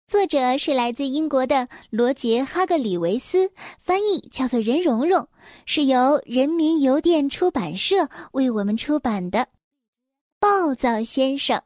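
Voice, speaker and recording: A young woman reading a children's story aloud, gentle and expressive, speaking directly to the children. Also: high voice, a little slow, dry recording, clean studio sound.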